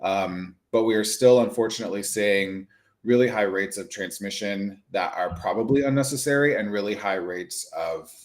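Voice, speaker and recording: Chatty, animated man talking freely. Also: lowish voice, moderate pace. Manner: chatty, animated, lots of "like" asides. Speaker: HIV clinician and advocate. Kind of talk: casual live-stream conversation.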